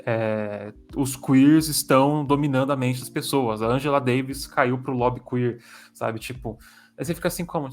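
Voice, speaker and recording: A Brazilian man in a casual interview, speaking haltingly and stumbling over words, with articulation slightly impeded by dental braces. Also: mid-range voice.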